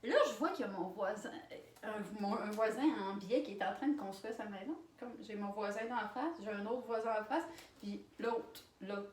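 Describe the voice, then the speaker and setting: A young female vlogger with a Québécois accent shares a storytime anecdote by herself in a room, laughing, exclaiming loudly and telling it with animation at a moderate pace. She has a mid-range voice. Her camera's microphone sits at a distance, giving a roomy sound.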